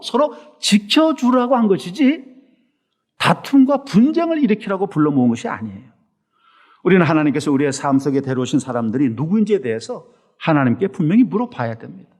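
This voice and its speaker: A man preaching a Sunday sermon as pastor in a church, animated, asking rhetorical questions and slowing down to stress his points. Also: a little high.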